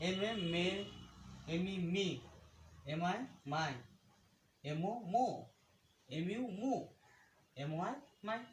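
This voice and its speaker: A man's voice: high-pitched, expressive, slow pace, pauses often. A man teaching a phonics lesson, reciting letter sounds one by one in a drilled, sing-song rhythm. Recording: echoey room with faint background noise.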